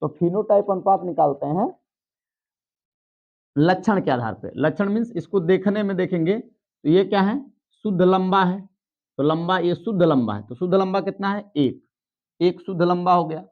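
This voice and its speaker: A male teacher talks students through a biology lesson at the board, step by step, often checking that they follow. His voice sits high for a man. The recording is dull and lo-fi. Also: moderate pace, gravelly, pauses often. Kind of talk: blackboard lesson.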